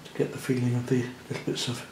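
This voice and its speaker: Gentle man teaching watercolour. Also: medium pitch, completely flat delivery, fast, creaky, roomy sound, slight background noise. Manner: gentle, chatty, thinking aloud while painting. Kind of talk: painting demonstration narration. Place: indoor studio at the easel.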